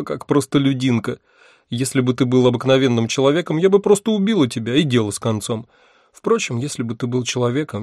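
A man voicing a capricious young noblewoman armed with a sword, in a raised, lively voice. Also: dry recording, studio quality. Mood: ashamed. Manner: raised pitch, lively, sharp outbursts.

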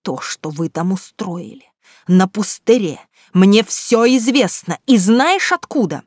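A woman voicing a furious middle-aged father, a school principal, who shouts and rebukes in a storybook reading. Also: medium pitch, animated, normal speed, dry recording, studio quality, natural voice. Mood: raging.

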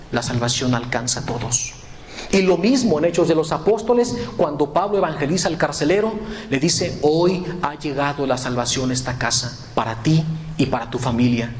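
A man preaching a sermon in Spanish, emphatic and repetitive, building to fervent peaks and dropping to hushed moments. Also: a little high. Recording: echoey room with faint ambient noise.

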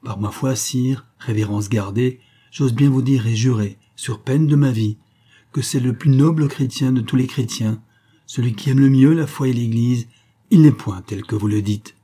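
A defiant young woman on trial, fiercely loyal, answers her accusers with earnest resolve, as a male reader voices her in a husky, mellow tone. The delivery stays close to an audiobook reading, lifted only a little. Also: medium pitch, moderate pace, close to an everyday voice.

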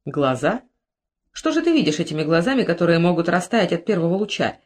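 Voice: medium pitch, sing-song, fairly quick. A reader voicing a naive, timid young scribe who asks wondering questions in an audiobook. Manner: wondering, fearful. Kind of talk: audiobook character voice.

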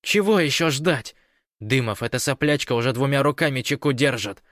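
A man voicing a furious, bossy male ruler who shouts and snarls, in an audiobook. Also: mid-range voice, sing-song, moderate pace, dry recording, studio quality, voice pushed up. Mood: furious shouting. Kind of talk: audiobook character voice.

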